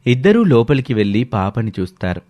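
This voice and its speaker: A man narrating a scripted story in a steady, matter-of-fact way. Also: medium pitch, a little fast, no room sound.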